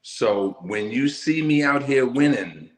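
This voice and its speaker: A middle-aged man talking as an interview guest about his work, telling his story in an emphatic, animated way. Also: mid-range voice, takes it slowly, roomy sound. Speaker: interview guest, musical poet. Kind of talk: casual conversational interview.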